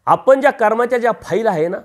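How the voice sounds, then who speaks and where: A man's voice: very high voice, animated, quick pace. A man preaching a storytelling sermon, acting out the voices of a village parable and rising for emphasis.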